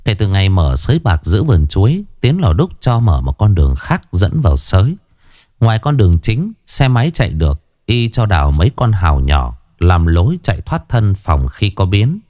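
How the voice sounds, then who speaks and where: A man narrating a crime story in an expressive storytelling manner. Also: low-pitched, moderate pace, dry recording, studio quality. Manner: expressive, animated delivery.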